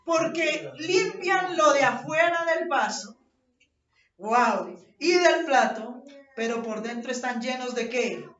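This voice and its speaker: Impassioned woman preacher, echoey and distant. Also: high voice. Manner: impassioned, rising to shouts when quoting scripture. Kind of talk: sermon. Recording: echoey distant lo-fi church recording.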